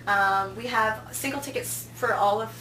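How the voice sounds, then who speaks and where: Speaking as a guest in a relaxed promotional interview, a film festival programming director talks at a moderate pace in a fairly high, pushed, bright voice. The on-location video was shot in an indoor room, and the distant mic gives a roomy sound with noticeable background noise.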